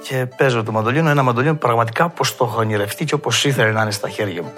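A man with a Cretan accent, a mandolin player telling stories from his past and acting out old conversations in a lively way. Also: mid-range voice, faint music behind. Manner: lively storyteller who acts out past dialogue. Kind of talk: reminiscing storytelling.

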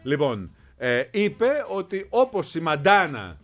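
A man co-hosts a radio show in playful banter, his voice leaping up and down with animated emphasis. He teases his partner and makes big comic points. A faint music bed plays beneath him. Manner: animated, teasing, pitch jumps for emphasis. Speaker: co-host.

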